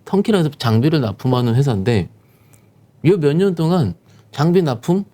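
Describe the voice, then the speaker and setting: Animated, emphatic man explaining the market. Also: on the high side, a little fast. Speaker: securities firm manager, market commentator guest. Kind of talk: explaining stock market conditions.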